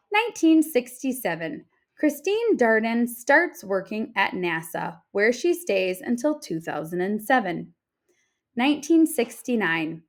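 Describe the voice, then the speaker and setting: Here a woman with a higher-leaning voice takes on the role of a teacher reading a factual picture book to kids. Her delivery is deliberate and full of expression.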